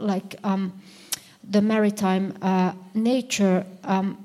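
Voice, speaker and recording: A woman's voice: mid-range voice, steady tone, slow, warm tone. A woman author speaking on a panel, hesitant and searching for words. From Finland. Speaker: author and publisher. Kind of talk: panel discussion.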